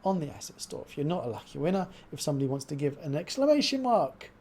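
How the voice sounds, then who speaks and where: A male livestream host chats casually in a mellow voice with very animated pitch. He has trouble with his R's, which sound like W's, and keeps up an informal, chatty style. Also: fast talker, a little hiss or hum. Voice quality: cannot pronounce R's, says w for r.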